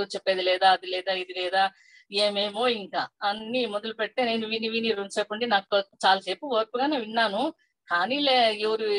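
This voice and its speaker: A woman's voice: medium pitch, no room sound, poor audio. An older woman sharing a personal family story at a spiritual workshop, talking casually and quoting her relatives in brief asides. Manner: conversational, quotes family members in lively asides. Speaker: workshop participant sharing experience.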